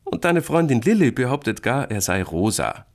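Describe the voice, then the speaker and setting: A man voicing a cheeky, teasing older sister in a children's story, lively and raised. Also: mid-range voice, moderate pace, pitched above the performer's own voice.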